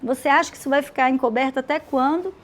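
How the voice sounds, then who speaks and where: A woman's voice: sits high, steady tone, fast talker, close to an everyday voice. A woman voicing a wise older male cousin who firmly warns a young woman. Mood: urging. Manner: urgent, warning.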